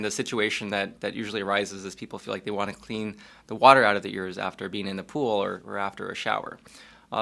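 Ear doctor guest, male, low and gravelly, calm and measured explainer. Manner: calm and measured, with small restarts. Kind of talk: explaining medical facts.

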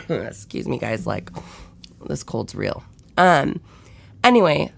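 This candid solo podcast features a young woman whose cold makes her low, gravelly voice nasal and brings on sniffles. She swears freely, speaks frankly, and fills her talk with fillers, all recorded without echo.

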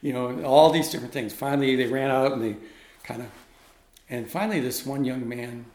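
A man's voice: medium pitch, brisk. Middle-aged guy, ministry leader, telling a story and doing the dialogue, echoey room. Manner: animated, reenacts dialogue. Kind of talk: storytelling in a conversation.

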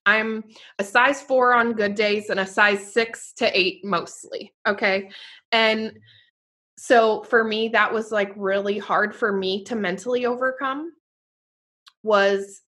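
A woman's voice: mid-range voice, steady tone, slow pace, bright, forceful tone. A woman hosting a podcast who runs a fitness business, talking earnestly and effusively in a casual conversation, dropping plenty of "like"s and the odd swear word.

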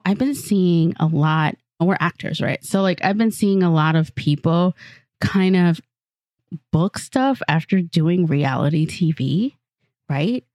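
A woman's voice: fairly low pitch, expressive, takes it slowly, a little mellow, no echo. A woman from the Republic, co-hosting a casual chat in informal, slangy talk. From Santo Domingo, Dominican Republic. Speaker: podcast co-host, actor.

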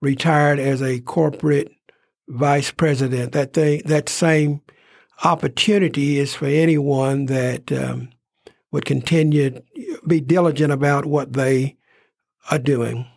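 A man's voice: medium pitch, steady tone, creaky, dry recording, studio quality. A man hosting a local interview program, speaking with frequent "uh" fillers. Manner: warm, filler-heavy, unhurried. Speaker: host. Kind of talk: interview talk show.

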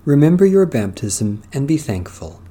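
A man leading worship as clergy, reading prayers and scripture in a solemn, measured, declamatory way. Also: medium pitch, very animated, mellow, slightly rough.

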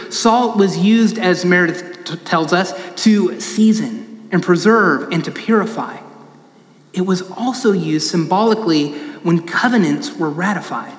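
A man, a pastor, preaching a sermon, telling a story and pressing his points with emphatic repetition. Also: high voice. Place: large church sanctuary. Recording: roomy church reverb.

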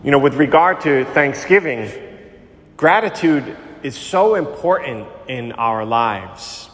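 A male priest delivers liturgical reading and preaching in a solemn, measured voice of middle pitch. His phrasing is deliberate, and a long cathedral echo trails his words through a large church. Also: expressive, fairly bright tone. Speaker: priest giving Gospel reading and homily. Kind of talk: liturgical scripture reading and sermon.

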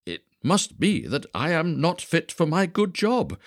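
A man's voice: on the high side, huge pitch swings, measured pace, no room sound, studio quality, voice pushed up, full character voice. A man voicing an uneasy male court adviser in a storybook reading.

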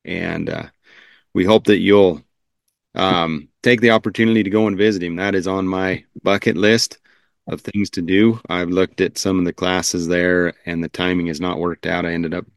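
A man hosts an interview podcast over a video call, sounding earnest and affirming and often adding short nods of agreement. His voice is deep with vocal fry, captured at studio quality with no room sound.

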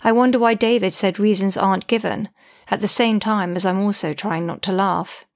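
A woman's voice: medium pitch, fairly even intonation, normal speed. A woman narrating her own diary-style account as a mother, indignant, wry and exasperated.

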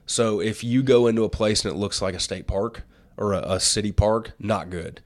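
A man's voice: lowish voice, steady tone, moderate pace. A man hosting a casual chat, explaining things in a folksy, plain-spoken way. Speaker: host and turkey conservationist.

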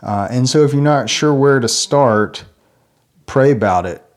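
A man in his thirties giving an earnest, reflective personal talk to a church audience, unhurried and full of small fillers and restarts. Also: medium pitch, lively intonation. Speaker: church ministry speaker.

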